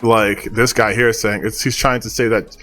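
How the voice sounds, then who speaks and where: A man's voice: on the low side, little pitch movement, moderate pace, a bit bright, soft background music. A male online commentator talking casually and bluntly, dismissive and opinionated, with some casual swearing.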